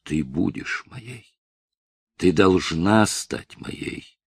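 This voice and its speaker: A man's voice: sits low, extremely slow, breathy edge, no room sound, full character voice. A man voicing an obsessive, possessive villain who threatens a young woman, in a menacing, insistent manner.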